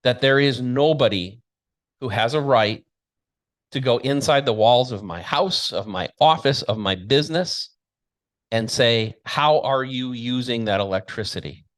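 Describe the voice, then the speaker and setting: A man's voice: mid-range voice, unhurried. A man hosting a talk show, speaking straight to his audience in a blunt, combative, emphatic way. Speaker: show host and commentator. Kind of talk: opinionated monologue to an audience.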